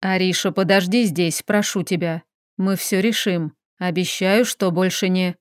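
A woman voicing a jealous, protective Italian man who growls low and pleads softly. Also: fairly even intonation, normal speed, clean tone, no room sound, clean studio sound, natural voice. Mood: soft pleading.

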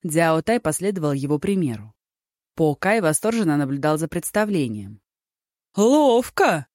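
An audiobook narrator reading a story with a steady, even delivery. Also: mid-range voice, normal speed, no room sound, studio quality. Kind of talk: scripted narration.

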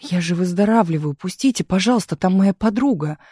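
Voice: mid-range voice, moderate pace, no room sound, pitched above the performer's own voice, close to an everyday voice. A reader voicing a young actress recovering from illness, pleading and reassuring in turns, recorded in a dry studio. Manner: pleading, then calm and reassuring. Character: young actress Galina, ill but spirited.

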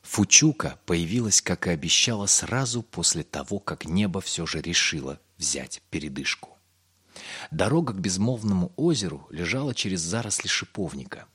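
A man narrating a fairy tale in a measured, expressive storytelling manner. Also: low-pitched, slightly rough.

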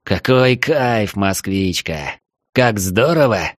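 A cocky young raft captain who keeps joking even when things are grim, his voice pitched a little higher and brighter than the narration, as a male audiobook reader plays him. It is recorded close and dry. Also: slow, no room sound. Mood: jaunty. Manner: wisecracking, brash.

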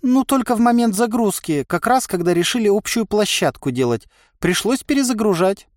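A man's voice: high voice, lively intonation, moderate pace, dry recording, studio quality, voice pushed up. A man voicing a talkative, ironic male inner voice with no body that reasons at length. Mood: wry. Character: chatty bodiless male inner voice, wry.

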